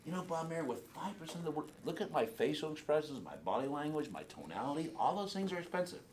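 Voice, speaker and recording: A man's voice: on the high side, sing-song, fast talker, a little mellow, a little hiss or hum. A man giving a blunt, profane sales training talk to a group in a training room.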